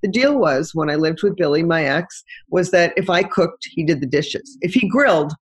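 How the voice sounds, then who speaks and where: Middle-aged woman, relationship coach guest, husky lower voice, lively expressive delivery. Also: normal speed. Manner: expressive storyteller acting out dialogue. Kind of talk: animated talk-show interview.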